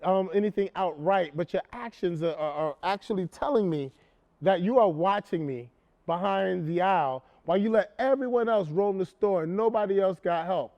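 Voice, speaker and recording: An actor performing a stage monologue, playing a man who retells a tense encounter in an animated, emphatic way and then turns into a brash, sarcastic talk show host. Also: high-pitched, moderate pace, dull audio. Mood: indignant storytelling. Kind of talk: theatrical monologue, stand-up-like storytelling.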